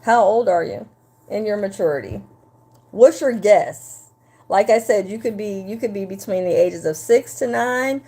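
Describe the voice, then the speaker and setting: A woman's voice: medium pitch, moderate pace, breathy edge. A woman in her fifties, a relationship coach, talking live to her viewers and the chat in a chatty, repetitive way. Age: 50s. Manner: animated, talks straight to the chat, repeats herself. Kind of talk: live-stream talk to viewers.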